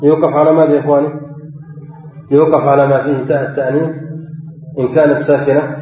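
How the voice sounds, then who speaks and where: A man's voice: fairly high pitch, little pitch movement, fast, slight background noise. A man teaching a grammar lesson, quizzing his students, repeating key phrases and chanting quoted verses and examples. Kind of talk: classroom lesson, reading a text and explaining. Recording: dull, echoey hall with long reverb.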